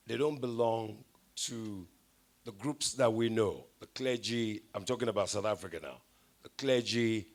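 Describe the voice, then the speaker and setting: A man from Nigeria giving a wry, anecdote-filled public speech at an event. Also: on the low side. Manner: anecdotal, wry, switches into Pidgin asides. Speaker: event speaker. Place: event hall.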